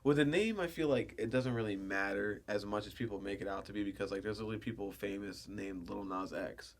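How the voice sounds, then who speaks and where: A man's voice: fairly low pitch, a little fast. Give me a young man hosting a podcast, swearing casually as he chats with guests. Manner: loose, profane slang-heavy talk. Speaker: podcast host.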